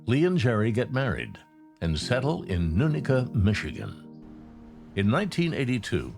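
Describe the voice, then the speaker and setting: A man reading scripted true crime narration in a dramatic, measured storytelling delivery. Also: medium pitch, wildly swooping pitch, gravelly. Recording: music playing behind the narration.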